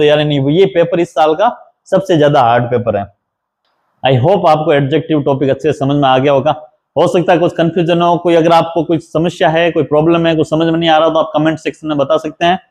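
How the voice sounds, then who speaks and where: A man teaching an exam-prep grammar lesson, explaining step by step and mixing English terms into Hindi, reading English example sentences slowly. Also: fairly high pitch, darkish tone.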